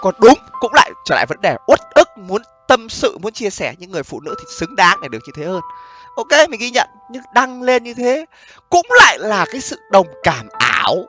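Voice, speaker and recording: A man's voice: high-pitched, huge pitch swings, moderate pace, sharp tone, soft background music. A man talking casually to viewers as a host giving relationship commentary, blunt and sweary, often checking that listeners follow. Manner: blunt, profane, often asks "understand?" and "right?". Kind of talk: casual monologue addressed to viewers.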